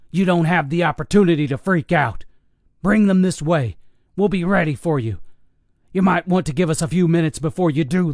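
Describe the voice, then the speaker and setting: A man voicing a gruff military commanding officer who gives steady, brusque orders over the radio. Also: on the high side, dry recording, clean studio sound, pitched above the performer's own voice, close to an everyday voice.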